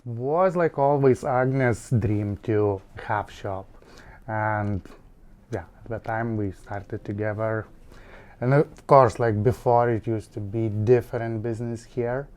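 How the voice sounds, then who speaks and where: A man with a Lithuanian accent, a shop owner, talking in a halting way with many fillers. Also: on the low side, darkish tone. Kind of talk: documentary interview.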